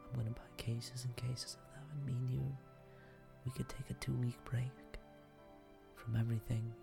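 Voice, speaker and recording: A man whispering softly in an intimate, affectionate boyfriend roleplay for ASMR. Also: medium pitch, flat delivery, moderate pace, creaky, over music.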